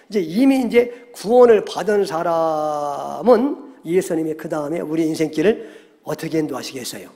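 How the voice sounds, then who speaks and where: Animated pastor preaching in an echoing church. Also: male voice, a little high. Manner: animated, keeps asking the congregation "예?" and acting out quoted voices. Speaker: senior pastor. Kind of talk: Sunday sermon. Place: church sanctuary. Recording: long church hall reverb.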